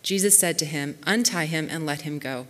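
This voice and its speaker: A woman reading scripture aloud during a church service, measured and expressive. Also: deep voice. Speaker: scripture reader. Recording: long reverb of a large church hall.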